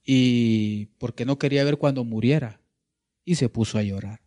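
Male preacher, mid pitch, conversational sermon, asks the flock questions, checks in with "right?", pauses to find words. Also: warm tone. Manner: asks the congregation rhetorical questions, repeats "¿verdad?"; searches for words mid-sentence.

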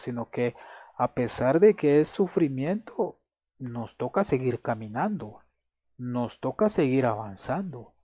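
A man delivering a sermon in a dark, mellow voice. He speaks slowly and emphatically, repeating phrases for weight. The sound is dry and close. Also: mid-range voice, no echo. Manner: prays aloud to close. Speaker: preacher.

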